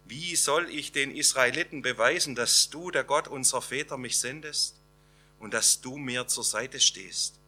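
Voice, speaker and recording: A man preaching a sermon, slow and emphatic, with dramatic pauses between phrases. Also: medium pitch, pushed and bright.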